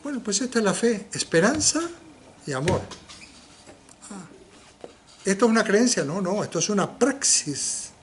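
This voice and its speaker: A man's voice: high voice, sing-song, measured pace, pauses often, a little hiss or hum. Older man lecturing, rhetorical and chatty. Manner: conversational, asks rhetorical questions, frequent tag "¿eh?". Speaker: philosophy seminar lecturer. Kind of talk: informal seminar lecture. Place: lecture room in a community center.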